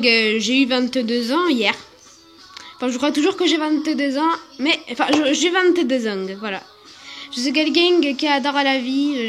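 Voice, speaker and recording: A woman voicing a loud, tomboyish young woman with a put-on Marseille accent, rambling and boastful, in a toy video role-play. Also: sits high.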